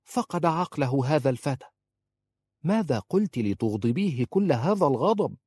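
A man's voice: a little high, big pitch swings, moderate pace, a little mellow, slightly rough, dry recording, clean studio sound, pitched above the performer's own voice. A man reading an audiobook, voicing a mocking, sarcastic older woman servant. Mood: exasperated.

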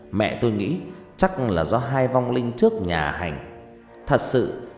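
Man telling a ghost story. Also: mid-range voice. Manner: lively, dramatic storytelling. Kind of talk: first-person ghost story narration. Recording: echoey reverb with background music.

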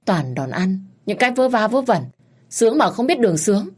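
A woman's voice: mid-range voice, big pitch swings, fairly quick, husky, voice pushed up. A woman voicing a stern, poor old peasant father who scolds his daughter. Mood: harsh.

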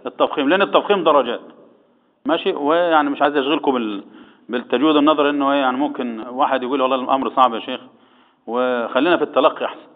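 A man's voice: medium pitch, rapid-fire. A man with an Egyptian accent teaching Quran recitation rules, quizzing his students and answering his own questions. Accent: Egyptian Arabic. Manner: asks the class questions and answers them himself. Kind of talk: tajweed lesson, quizzing students. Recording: echoey, tinny phone-like sound.

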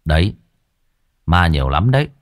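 A man voicing a calm, sly young exorcist who talks in a laid-back, dryly teasing way, in a spooky storybook tale. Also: low-pitched, normal speed, no room sound, clean studio sound, voice pushed down.

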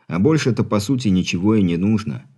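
Low-voiced man narrating an audiobook. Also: expressive, fast, warm tone, slightly rough. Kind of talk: scripted narration.

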